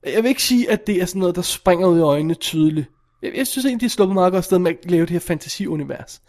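A man in casual film review chat, animated and exasperated as he talks. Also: high voice.

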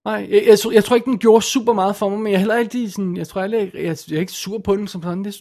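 A man with a notably high voice co-hosts a casual film podcast. He talks haltingly, repeats himself and keeps checking for agreement. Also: fairly even intonation, a little mellow. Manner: hesitant, repeats words, asks for agreement. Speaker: podcast co-host.

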